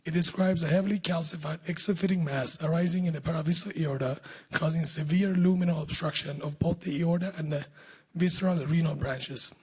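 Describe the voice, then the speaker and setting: A man with a hoarse voice that is giving out, speaking close to the microphone as he presents surgical research in a scripted talk. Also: on the high side, steady tone, brisk, a little mellow. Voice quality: husky voice giving out. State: hoarse, losing his voice. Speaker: surgeon presenting research at a medical conference. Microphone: speaking close to a podium microphone.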